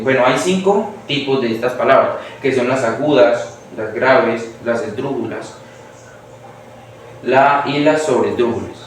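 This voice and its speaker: Teen boy, Colombian accent, school presentation, hesitant, roomy echo with faint hiss. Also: mid-range voice. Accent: Colombian Spanish. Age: teenager. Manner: hesitant, many restarts and fillers. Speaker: student presenter. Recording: echoey room from far off, faint hiss.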